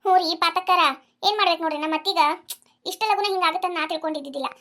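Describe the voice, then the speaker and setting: A woman's voice: very high-pitched, pushed and bright, exaggerated voice. A woman with a North Karnataka Kannada accent voicing a scheming young daughter-in-law in a cartoon, whiny and melodramatic. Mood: fretful. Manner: whiny, melodramatic, fast rural chatter. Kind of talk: cartoon voice acting.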